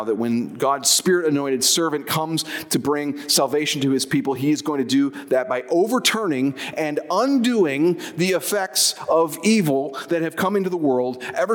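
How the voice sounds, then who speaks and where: A man's voice: on the high side, expressive, normal speed, hardly any pauses, long reverb tail. A man preaching a sermon, explaining scripture conversationally with personal asides. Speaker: pastor.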